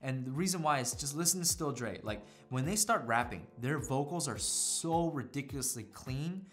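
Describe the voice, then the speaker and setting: A man's voice: mid-range voice, animated, moderate pace, fairly bright tone, soft background music. A man giving a casual product review, enthusiastic and fond of imitating sounds with his voice. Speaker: tech reviewer.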